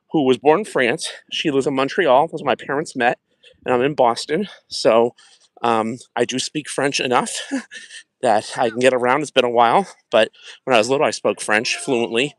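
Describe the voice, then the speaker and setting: Walking an outdoor track at night, a middle-aged wellness livestream host chats casually and reflectively, warmly welcoming viewers by name. He has a mid-range voice, with no room sound.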